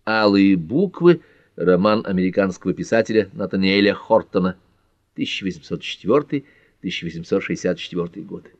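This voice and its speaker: A man reading an audiobook in a measured, even narration. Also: sits low, no echo. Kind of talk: scripted narration. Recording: dull dry lo-fi audiobook.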